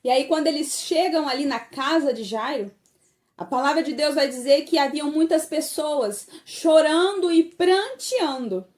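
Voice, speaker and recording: High-voiced impassioned woman preaching. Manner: impassioned, dropping soft for quoted words. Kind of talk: sermon.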